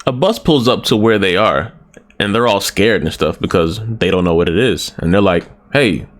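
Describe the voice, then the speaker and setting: A man's voice: on the low side, normal speed. A man giving a casual, joking movie review, exclaiming and ranting as he goes.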